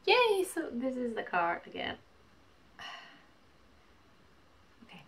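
A woman in her twenties chatting casually while opening mail at home, gushing and reading letters aloud haltingly. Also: on the high side, wildly swooping pitch, gravelly, a bit bright. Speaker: vlogger. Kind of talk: casual unboxing chat. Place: small home room, indoors.

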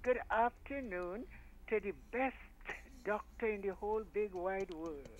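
An older man calling in to a radio show over a phone line, formal and lavishly flattering as he speaks. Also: sits high, unhurried. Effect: heard over a phone line. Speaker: radio call-in listener. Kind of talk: phone-in chat.

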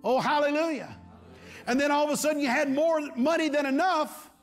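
A middle-aged pastor with a strikingly high voice preaches from a church stage. He drives his points home by repeating his phrases and calling out for amens and hallelujahs from the congregation. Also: brisk, soft background music. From Texas. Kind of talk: sermon.

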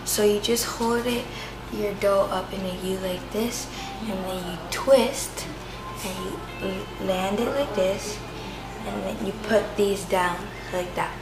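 A woman's voice: medium pitch, steady tone, slow, reverberant, over music, low-quality recording. A woman demonstrating a recipe at her kitchen counter in a casual, chatty way, filling her steps with "like" and "so". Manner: chatty, loose, full of "like" and "so". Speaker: home cooking vlogger. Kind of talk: casual step-by-step cooking demonstration. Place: home kitchen countertop, indoors.

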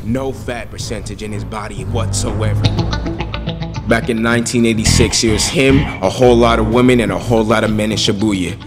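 A man voicing an excitable, boastful young man in a slangy, profane, overacted anime dub parody. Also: on the low side, a little fast, natural voice. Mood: grave, awed. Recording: loud music behind.

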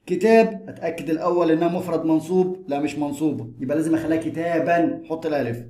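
A man's voice: on the high side, racing, roomy sound. A man with an Egyptian accent teaching an Arabic grammar lesson, repeating and drilling each rule as he goes. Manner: lively, repeats and drills rules.

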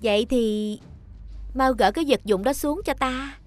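A woman's voice: on the high side, a little slow, lightly acted. A woman voicing a vengeful snake spirit. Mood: commanding. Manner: haughty, commanding. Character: vengeful female snake spirit, cold and commanding. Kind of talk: cartoon voice acting.

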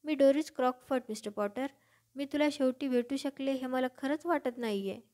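A woman voicing an eager witch who gushes with starstruck delight. The voice is fairly high and breathlessly admiring. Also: normal speed, warm tone, natural voice.

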